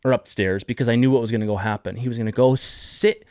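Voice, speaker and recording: A man's voice: mid-range voice, steady tone, fast, smooth, no room sound, clean studio sound. A man hosting a podcast, telling a personal story in an earnest, heartfelt way, often restarting his sentences. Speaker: podcast host. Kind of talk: casual podcast conversation.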